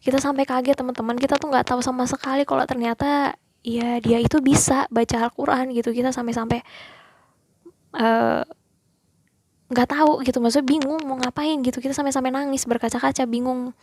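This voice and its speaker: A woman's voice: sits high, steady tone, fairly quick, darkish tone, no room sound. A young woman student telling a personal story in a casual, hesitant way, often speaking to viewers as friends. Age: young adult.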